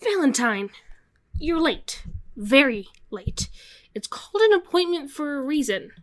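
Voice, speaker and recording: Woman as a high-pitched, scolding magic shopkeeper. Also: sing-song, a little slow. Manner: exasperated, emphatic. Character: scolding, fussing female magic shop keeper. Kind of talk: audio drama acting.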